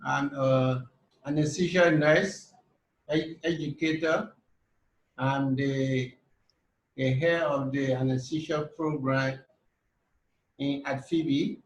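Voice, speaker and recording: A man heading an anesthesia program speaks slowly and hesitantly in a flat tone on a video call. His room echoes, with faint background noise. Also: medium pitch. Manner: slow, hesitant.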